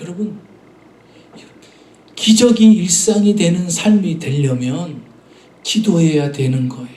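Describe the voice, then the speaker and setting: A man's voice: sits high, steady tone, a little slow, dark tone, roomy sound, far from the mic. A man preaching a Sunday sermon as pastor, earnestly addressing the congregation and acting out voices in his stories. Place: church sanctuary.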